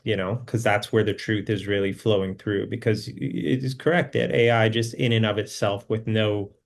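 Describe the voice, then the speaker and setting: A man who is a filmmaker guest in a casual conversation. He speaks thoughtfully and with hesitation, with many pauses. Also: lowish voice, fairly even intonation, gravelly.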